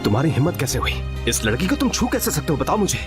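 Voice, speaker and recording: A man's voice: a little high, big pitch swings, fast talker, music in the background. A hot-tempered protective young man. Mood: angry. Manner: confrontational.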